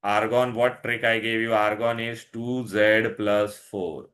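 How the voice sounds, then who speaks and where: A man's voice: fairly low pitch, fairly even intonation, measured pace, fairly bright tone. A man with an Indian accent teaching a lesson, instructive and repetitive, often stopping to check that pupils follow. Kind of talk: online science lesson, questioning pupils.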